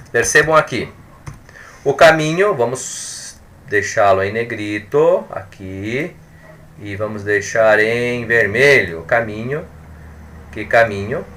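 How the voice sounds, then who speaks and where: A man's voice: mid-range voice, fairly bright tone. A male teacher giving a recorded grammar lesson, drilling points by repetition and adding joking asides.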